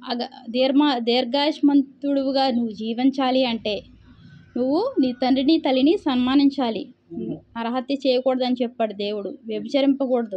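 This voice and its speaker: A woman preacher with a high voice reads from the Bible and explains the passage, posing rhetorical questions and answering them herself. The recording has a lo-fi sound.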